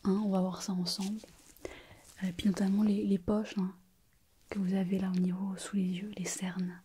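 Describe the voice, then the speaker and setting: A woman playing a calm, attentive surgeon in a whispered role-play, speaking in a soft, breathy, quiet night-time hush with slow, hesitant musing and gentle instructions. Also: medium pitch. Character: calm, attentive surgeon examining a patient's face.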